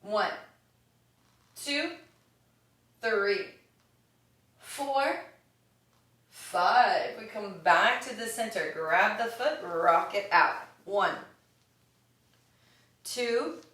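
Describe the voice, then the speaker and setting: A woman leading a yoga exercise class with slow counted cues, upbeat and encouraging, with the hiccups. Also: medium pitch, animated, fairly bright tone. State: has the hiccups. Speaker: yoga instructor. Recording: echoey room, voice from a distance.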